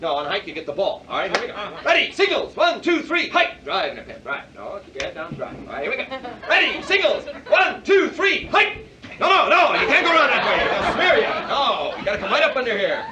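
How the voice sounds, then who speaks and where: A man's voice: sits high, big pitch swings, fast. A man playing an impatient football coach in a live sketch, barking orders. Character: gruff male football coach, middle-aged, impatient. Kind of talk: live sketch comedy with audience. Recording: roomy live stage, distant mic, crowd laughter.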